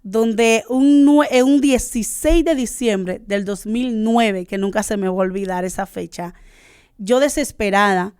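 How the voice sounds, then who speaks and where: A Honduran woman in her thirties with a Honduran Spanish accent, telling her faith testimony as a guest in an earnest way, often pausing with "este". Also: mid-range voice, a little mellow, smooth, dry recording, studio quality. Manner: earnest, searching for words with many "este" fillers. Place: studio.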